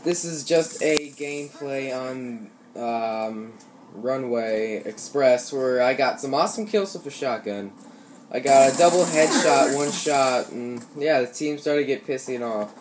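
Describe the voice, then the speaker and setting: A mid-range, unhurried male voice belongs to a young American gaming YouTuber from Ohio, somewhere between teenager and young adult. He tells laid-back, slangy, profanity-laced stories while playing, and the noisy home recording picks up shooter game sounds.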